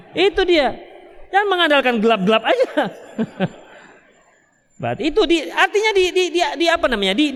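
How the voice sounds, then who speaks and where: A man from Medan, Indonesia, giving an Islamic study lecture, joking and acting out husband-and-wife exchanges. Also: very high voice. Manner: animated, joking, acts out husband-wife dialogues. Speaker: Islamic religious teacher. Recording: echoey hall reverb.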